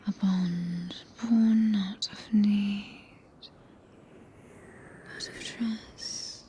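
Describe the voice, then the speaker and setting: Woman doing a british witch consort for asmr, breathy whisper, super slow and mellow, regal but tender, old timey wording. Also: mid-range voice, steady tone, a little hiss or hum. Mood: solemn, devoted. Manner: slow, archaic, soothing speech. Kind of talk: whispered ASMR roleplay, scripted.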